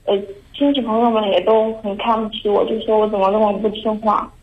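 Anxious young woman caller, flat halting delivery, muffled lo-fi line. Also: mid-range voice. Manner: halting, anxious, many restarts. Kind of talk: call-in confession.

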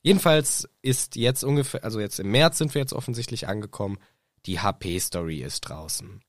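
A man's voice: lowish voice, normal speed, no room sound, clean studio sound. A man co-hosting a casual podcast, playfully retelling a story and laughing often. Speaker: podcast co-host. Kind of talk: casual chat retelling a book.

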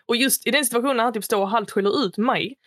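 A young woman co-hosting a podcast tells a story with lots of energy in casual chat, acting out quotes in a raised voice and dropping English phrases into her speech. Her voice sits on the high side and is a bit bright. The studio-quality recording has no room sound.

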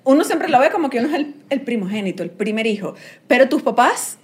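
Woman cohost, high voice, emphatic casual chat. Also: animated. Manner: emphatic, explaining, quick to laugh. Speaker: podcast co-host.

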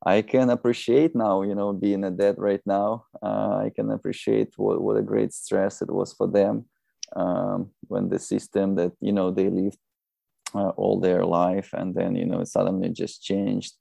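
A man in his thirties from Belarus with a Belarusian accent, a non-native English speaker chatting as a podcast guest in a halting, rambling way. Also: deep voice, level tone, creaky, warm tone, no room sound. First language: not English. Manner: halting, rambling, often saying "you know". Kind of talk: casual conversational interview.

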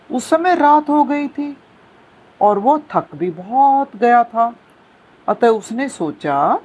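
Slow, lively, husky-voiced woman storyteller. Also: a little high. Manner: lively, expressive, slow-paced telling. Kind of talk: storytelling narration.

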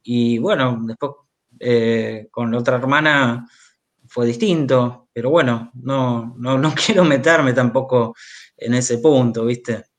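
A man with an Argentine accent speaks slowly at medium pitch over a remote video call. An author, journalist and biographer being interviewed, he talks conversationally and hesitantly, often repeating words.

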